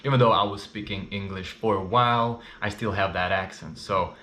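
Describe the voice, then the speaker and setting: A man in his thirties, a vlogger and non-native English speaker with a Russian and Ukrainian accent, tells his personal story to camera in a candid, chatty way full of fillers. His voice is fairly low, fairly even in intonation and normal in speed, sounding pushed and bright, with a roomy echo and slight background noise.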